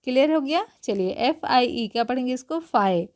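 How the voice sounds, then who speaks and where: A woman teaching English pronunciation to beginners in a patient lesson, spelling letters out slowly and often checking with "right?" and "okay?". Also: high voice, animated, a little mellow.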